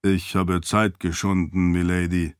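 A man's voice: sits low, flat delivery, a little slow, clean tone, no room sound, clean studio sound, pitched below the performer's own voice. A man voicing a loyal, polite spirit servant who speaks formally in an audiobook. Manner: formal, courteous.

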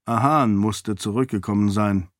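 A man narrating a fantasy audiobook in an even, deliberate way. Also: lowish voice, dry recording, clean studio sound.

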